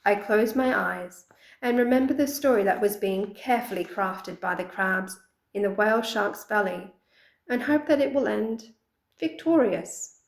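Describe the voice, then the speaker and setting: A woman narrating a children's fantasy audiobook in a steady, expressive reading voice. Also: mid-range voice, a little slow, gravelly, echoey room, rough recording. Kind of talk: scripted storybook narration.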